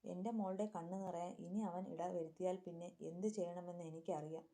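A protective middle-aged father, voiced by a woman narrator, speaks grimly and warily. The voice is low and very dark. An audio storybook. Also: fairly even intonation, moderate pace, natural voice. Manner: grim, distrustful.

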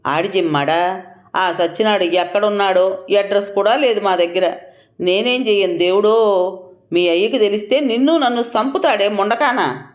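A woman's voice: medium pitch, big pitch swings, normal speed, long pauses, roomy sound, lightly acted. A woman voicing an angry village mother who scolds and curses her daughter. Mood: furious. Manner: shouting, cursing.

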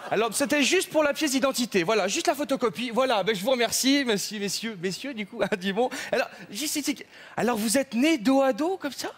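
Man doing a mock-polite census clerk, high voice, stammering fillers, stage sketch, faint noise behind. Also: expressive, brisk, fairly bright tone. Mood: officious. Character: fussy male census clerk at a counter.

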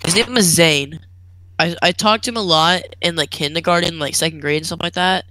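A man's voice: on the high side, a little fast, bright, forceful tone, dry recording, rough recording. A teenage boy co-hosting a casual podcast, rambling and laughing, with lots of "like.". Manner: rambling, laughs often, says "like" a lot. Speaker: podcast co-host. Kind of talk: casual chat.

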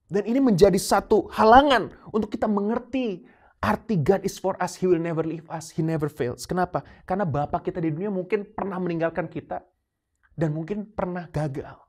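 A man's voice: high voice, fairly quick. A man in his thirties preaching a sermon, telling personal stories and slipping English phrases into his talk. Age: 30s. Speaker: pastor.

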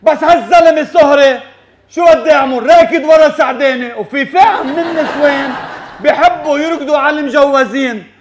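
A man staging a loud phone call as a hidden camera prank, soothing and then ranting. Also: very high voice, a little fast, background noise. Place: busy shop or cafe. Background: customers chatting.

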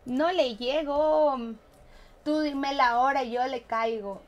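High-voiced playful Mexican woman streamer. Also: fairly even intonation, slow pace, lo-fi sound. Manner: playful, chatty, laughs often, hums little tunes. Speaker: game streamer. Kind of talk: casual live-stream chat with viewers.

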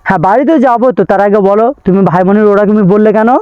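A man vlogs in a very high, smooth, clear voice, coaxing and gently teasing small children in a sing-song way. The sound is dry and close, a little dull and lo-fi. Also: steady tone, very fast, dry recording. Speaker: vlogger. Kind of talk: casual vlog talk to children and viewers.

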